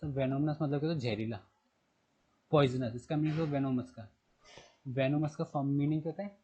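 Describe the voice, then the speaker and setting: A man's voice: a little high, steady tone, a little fast, warm tone, slight background noise, rough recording. A man teaching a general knowledge lesson, asking and answering his own questions, repeating terms and spelling words letter by letter. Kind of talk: recorded classroom lesson.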